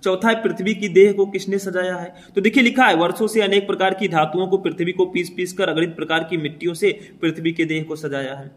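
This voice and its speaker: A young man with a slightly high-pitched voice leads students through an exam paper. He talks briskly and reassuringly, and he checks in often with a quick "okay" to keep the class moving. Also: steady tone. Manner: brisk, addresses students as brother, frequent "theek" check-ins. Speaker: teacher. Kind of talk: exam paper walkthrough lesson.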